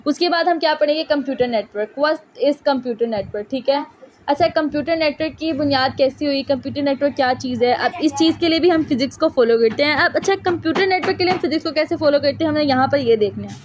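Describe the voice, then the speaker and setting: A woman physics teacher explains a textbook chapter. She asks questions and answers them herself, and reads English lines slowly. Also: high-pitched, slight background noise. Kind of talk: physics lesson.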